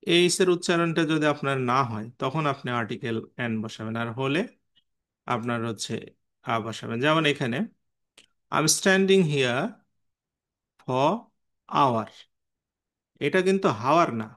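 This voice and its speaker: A man's voice: mid-range voice, animated, a little slow, pauses often, fairly bright tone. A man teaching an online class, patiently explaining and quizzing students by name. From Bangladesh.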